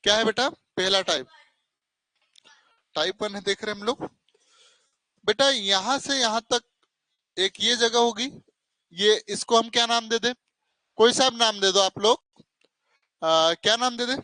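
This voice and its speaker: A man's voice: high-pitched, unhurried, long pauses, bright, forceful tone, no echo, low-quality recording. A man teaching a math class. He talks sternly, calls his students "beta", and keeps asking "hai na?". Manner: stern, scolding, calls students 'beta', asks 'hai na?'. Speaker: coaching teacher. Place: classroom with students and online viewers.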